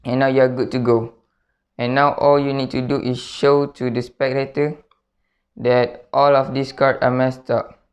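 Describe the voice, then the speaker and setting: A man's voice: medium pitch, little pitch movement, a little slow. A man presenting a step-by-step spoken tutorial, repeating himself and often checking in with short tag questions. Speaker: card trick tutorial presenter. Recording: dull, lo-fi sound.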